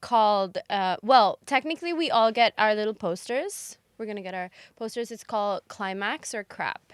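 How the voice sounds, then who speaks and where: A woman's voice: mid-range voice, moderate pace, smooth, dry recording. A woman co-hosting a podcast, chatting casually and teasing her guest in a playful way. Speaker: podcast co-host. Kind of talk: casual chat.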